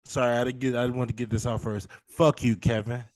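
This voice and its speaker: A man's voice: medium pitch, little pitch movement, quick pace, a little mellow, no echo. A young man on a podcast with a dry, close-up sound. He talks casually and emphatically, leaning hard on fillers and jumping in to argue his side. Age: young adult. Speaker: podcast co-host. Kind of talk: casual chat.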